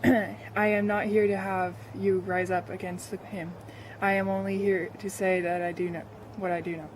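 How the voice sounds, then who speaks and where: Woman as sly mourning orator, halting speech, mid pitch, faint noise. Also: level tone, natural voice. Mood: mournful. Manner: halting, hesitant speech-making. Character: grieving woman friend of a slain queen, sly orator. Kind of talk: amateur play acting.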